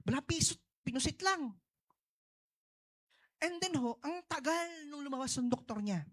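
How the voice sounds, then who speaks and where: A man's voice: very high voice, lively intonation, unhurried. A man with a Filipino accent, a pastor preaching a sermon testimony in short bursts and mixing two languages, often checking with the congregation with "no?" and "di ba?". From Philippines. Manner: switches between Tagalog and English, asks the congregation "no?" and "di ba?"; talks in short bursts with big swings in loudness.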